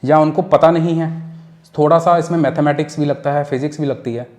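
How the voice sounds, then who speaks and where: A man's voice: fairly high pitch, steady tone, fairly quick, darkish tone. A man in casual chat, earnestly explaining technical points step by step and repeating key figures, slipping English phrases into his talk. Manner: mixes English phrases into speech. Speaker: guest explaining car engines.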